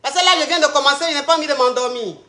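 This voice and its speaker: Theatrical and sing-song, this woman makes hype announcements while hosting an animated call-in live stream. She talks very fast in a high, bright, forceful voice; the phone or webcam audio has a roomy echo and a little hiss or hum.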